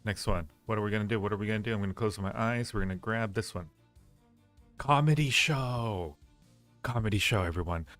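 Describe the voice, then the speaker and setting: With a lowish, slightly bright voice and a fairly quick pace, a man rambles playfully through a casual livestream chat. He teases, ranks things and repeats his phrases over soft background music.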